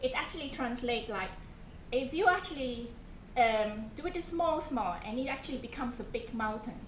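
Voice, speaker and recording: An animated woman in her thirties, Malaysian-accented and fairly high-pitched, speaks at a normal pace while coordinating a programme talk for students. The presentation is informal and conversational, full of questions to the group, restarts, and fillers, recorded in an echoey room with faint noise.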